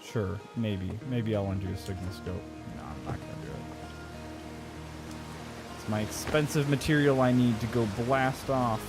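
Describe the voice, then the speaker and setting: A man's voice: lowish voice, normal speed. A man doing live gameplay commentary, self-deprecating and reading the on-screen text aloud as he goes. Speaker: streamer. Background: game music.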